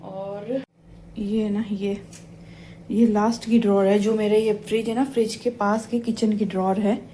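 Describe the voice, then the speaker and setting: Mellow-voiced Indian woman chatting at home. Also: mid-range voice, little pitch movement, unhurried, slight background noise. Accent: Hindi, Rajasthani. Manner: chatty, talks to viewers while doing chores; whispering so her sleeping husband is not woken. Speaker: vlogger. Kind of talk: casual home vlog chat. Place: her home, indoors.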